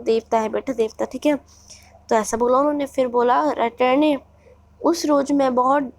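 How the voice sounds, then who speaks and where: Young woman teacher, kinda high voice but pretty flat, reads a bit then explains it simply. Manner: reads slowly, then restates in everyday words. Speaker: teacher explaining a textbook chapter. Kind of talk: casual lesson, reading text then explaining it.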